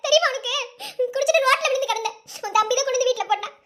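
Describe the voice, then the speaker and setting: A woman's voice: very high-pitched, very fast, pushed and bright. A woman voicing a flustered, teasing young woman in a cartoon, whiny and giggly, with a Madurai Tamil accent. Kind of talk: cartoon voice acting.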